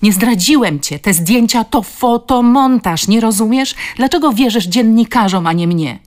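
A woman's voice: fairly low pitch, expressive, normal speed, vocal fry, a little mellow. A woman reading an insistent pleading young husband. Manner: insistent, raising his voice. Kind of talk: audiobook dialogue.

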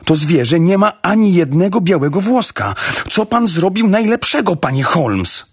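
A man voicing an excitable older army colonel who owns racehorses, speaking in loud, agitated exclamations that rise high, with a husky voice. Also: a little slow.

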